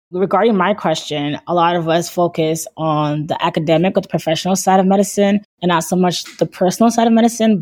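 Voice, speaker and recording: A woman with a fairly low voice reads a prepared interview question in a measured manner. The recording is close and dry, with no room sound. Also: darkish tone, dry recording. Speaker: medical trainee interviewer. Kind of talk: podcast interview.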